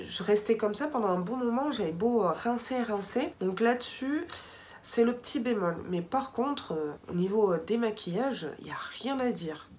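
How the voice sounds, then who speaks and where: A woman's voice: a little high, a little mellow, slight background noise. A woman chatting casually to her viewers as she reviews finished beauty products, with lots of fillers and asides. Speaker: beauty vlogger.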